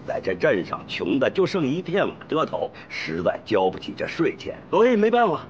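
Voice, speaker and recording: An actor playing a fawning, excitable local official who grovels to his superior and scolds his men, with faint music under. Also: mid-range voice, moderate pace, highs cut off, a little hiss or hum. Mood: wheedling. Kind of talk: TV drama acting.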